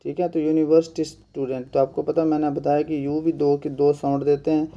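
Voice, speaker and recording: A man from India giving an exam-prep grammar lesson, repeating each point slowly and asking questions that he answers himself. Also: on the high side, level tone, dull audio. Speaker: teacher.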